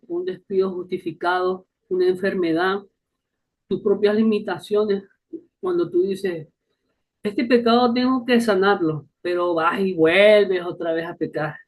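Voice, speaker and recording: A man speaking to a faith group, telling stories in a casual, lively way. He often adds short tag questions and laughs along as he talks. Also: high voice. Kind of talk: casual storytelling talk.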